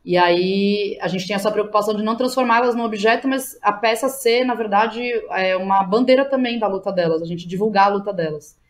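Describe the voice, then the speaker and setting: Brisk and with few pauses, a medium-pitched woman with a São Paulo Brazilian accent speaks informally and slangily as a guest on a casual podcast interview. A playwright and theatre educator, she thinks aloud and regularly checks in with her listener.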